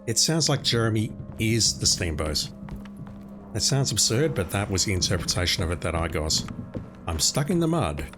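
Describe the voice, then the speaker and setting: Low-voiced man commenting on a game. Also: lively intonation, moderate pace, music in the background. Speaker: game streamer. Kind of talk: casual playthrough commentary. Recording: faint game ambience behind voice.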